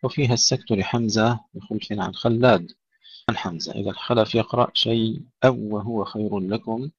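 Gravelly man teaching Quran recitation. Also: on the low side, steady tone, no room sound. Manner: recites verses slowly then explains letter by letter. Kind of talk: tajweed lesson. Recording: dull lo-fi recording.

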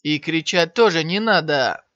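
A cold, ruthless young hero from a storybook, speaking in a flat, contemptuous tone, as a male narrator plays him. The voice sits fairly high and sounds dry and slightly dull. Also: measured pace, no room sound. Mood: icy.

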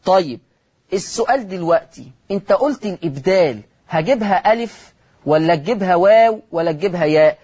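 On television, a man with an Egyptian Arabic accent teaches Quran recitation rules, repeating each rule, answering his own questions, and slowing down to chant example words. His voice sits high and sounds animated, husky, and somewhat dark.

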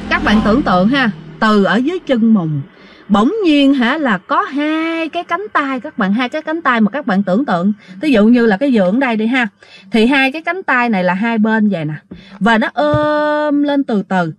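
A woman's voice: a little high, animated, moderate pace. A woman telling a ghost story in a casual, chatty way, talking straight to her listeners. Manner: chatty, addresses listeners directly, many fillers.

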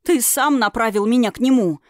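A woman voicing an angry young fiery princess who shouts accusations in a raised, strained voice. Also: a little high, brisk, dry recording, studio quality, natural voice. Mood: furious.

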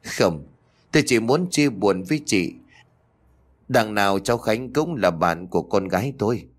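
A man's voice: fairly low pitch, animated, moderate pace. A man voicing a frightened, guilt-ridden middle-aged father who stammers and pleads in a spoken ghost story. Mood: pleading.

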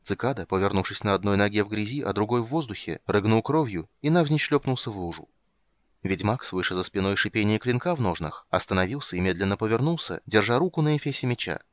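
A man reading a fantasy audiobook as narrator, in a steady, measured way. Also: lowish voice, no room sound.

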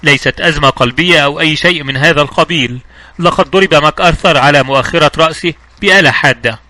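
A man's voice: on the high side, quick pace, bright, forceful tone, dry recording. A man reading the part of a shaken male doctor. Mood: tense.

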